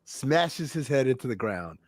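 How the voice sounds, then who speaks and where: On a podcast, a male co-host casually chats through a crude news story, laughing often and swearing freely as he tells it loosely. His medium-pitched voice has a sing-song lilt and an unhurried pace.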